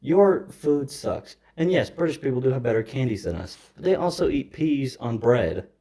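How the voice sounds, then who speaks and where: A young man in casual banter, teasing and laughing as he goes. His voice is husky, and his pitch jumps around a lot, from low mutters to sudden high squeals. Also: sing-song, fairly quick, mellow. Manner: teasing, joking, laughs often. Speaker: podcast co-host.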